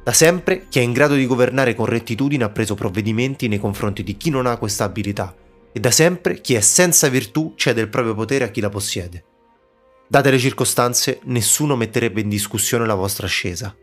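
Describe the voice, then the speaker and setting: A man's voice: mid-range voice, a little fast, soft background music, natural voice. A man reading a cunning old court minister. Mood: persuasive. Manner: courteous, persuasive.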